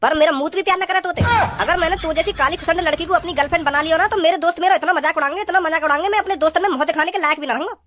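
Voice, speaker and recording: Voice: extremely high pitch, fairly bright tone, a little hiss or hum. A performer voicing a cocky, rude young village man in a cartoon who mocks and insults. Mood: mocking. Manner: mocking, insulting, fast-talking. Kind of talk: cartoon voice acting.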